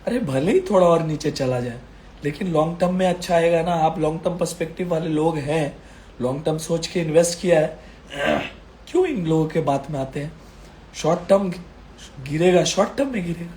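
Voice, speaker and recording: A man's voice: a little high, a little fast, warm tone, slight background noise. A man giving stock market commentary while unwell, his throat strained and coughing, repeating phrases emphatically to reassure viewers. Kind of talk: casual market commentary video.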